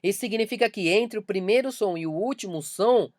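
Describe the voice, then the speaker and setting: Teaching music online, a Brazilian Portuguese-accented man hammers home the key points by repeating them with emphasis. His high-pitched voice is brisk and darkish in tone, recorded with clean studio sound and no echo.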